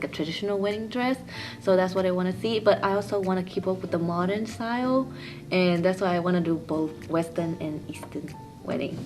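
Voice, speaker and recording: A woman's voice: on the low side, darkish tone. Young woman. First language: Vietnamese. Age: young adult. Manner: simple, plain phrasing in a second language. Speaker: interviewee. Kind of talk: casual interview answers.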